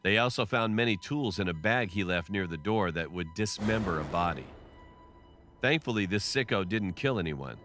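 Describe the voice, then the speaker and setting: A man giving a scripted first-person narration of a story in a steady storytelling delivery. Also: lowish voice, normal speed, faint music behind.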